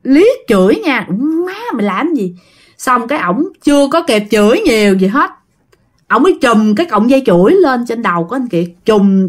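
A woman, telling a ghost story in a chatty way and speaking straight to her listeners. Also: on the high side. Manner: chatty, addresses listeners directly.

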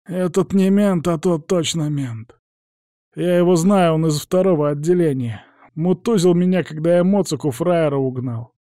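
A man's voice: high voice, very animated, takes it slowly, hardly any pauses, darkish tone, no room sound, clean studio sound, pitched above the performer's own voice, heavily acted. A man voicing a dazed young hooligan who talks in a groaning, sullen way.

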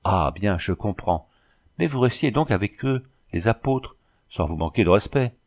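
A man's voice: lowish voice, animated, moderate pace. A man reading an audiobook, voicing a talkative former cavalryman who is exclamatory and endlessly apologetic. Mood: polite. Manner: chatty, overly polite, exclamatory. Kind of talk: audiobook character voice.

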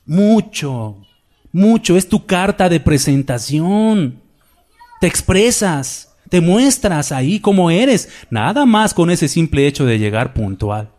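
A man's voice: fairly high pitch, sing-song, slow pace, darkish tone. A man preaching a Sunday sermon, with emphatic repetition and rhetorical questions. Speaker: pastor. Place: church.

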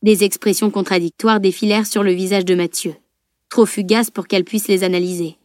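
A woman narrating an audiobook with an even, measured reading. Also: medium pitch, dry recording, clean studio sound. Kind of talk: scripted narration.

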